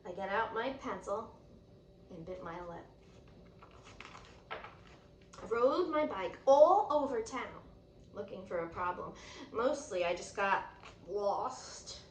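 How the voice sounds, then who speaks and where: With a mid-range voice, slow pace, and long pauses, a woman gives an expressive reading of a children's picture book. Her manner is teacherly, explaining details and pointing things out. The recording sounds roomy, with a distant mic and faint background noise.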